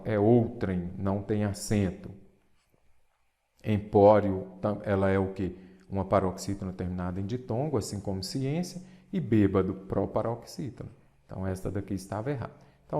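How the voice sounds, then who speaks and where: A male teacher with a Brazilian Portuguese accent and a low voice walks through an exam-prep lesson. He explains step by step and keeps asking questions that he answers himself. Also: darkish tone.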